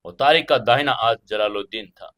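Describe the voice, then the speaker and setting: A man's voice: medium pitch, a little fast, a bit bright. A man narrating an audio drama in a dramatic, suspenseful storytelling manner.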